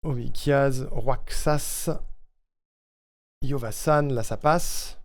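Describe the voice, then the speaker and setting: A man streaming live, chatting casually and haltingly, thinking out loud with plenty of hesitations. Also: mid-range voice. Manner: halting, thinking aloud, lots of fillers.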